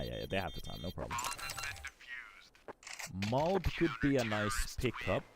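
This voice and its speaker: Over heavy background noise, a lowish-voiced man from Finland does laid-back live esports commentary, chatting with viewers between plays.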